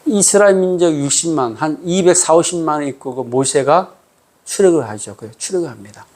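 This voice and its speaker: A man's voice: a little high, a little fast, a little mellow. A male pastor giving a sermon in a conversational way, often asking the congregation questions and varying his pace for emphasis. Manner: conversational preaching with frequent call-and-response questions.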